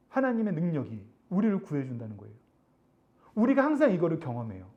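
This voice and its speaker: A middle-aged male youth pastor preaching to teenagers in a church service, animated and conversational, acting out voices of others. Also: lo-fi sound. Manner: animated, acts out classmates' taunts, drops soft and low for God's comfort. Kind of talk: sermon to teenagers.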